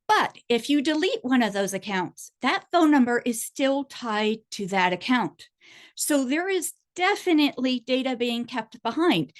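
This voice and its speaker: Woman presenting a webinar over slides. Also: on the high side. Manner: conversational, explanatory, asks for next slide.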